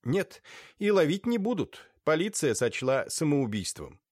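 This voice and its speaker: A man voicing a courteous aristocratic baron who speaks in a measured, deliberate way. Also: a little high, very animated, darkish tone, no room sound, clean studio sound, pitched above the performer's own voice. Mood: grave.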